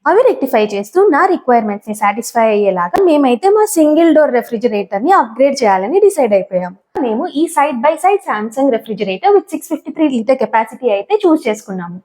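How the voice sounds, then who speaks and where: Chatty woman vlogger, a bit high. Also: lively intonation, brisk, few pauses, darkish tone. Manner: chatty, mixes in English terms. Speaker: home vlogger. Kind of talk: friendly channel intro.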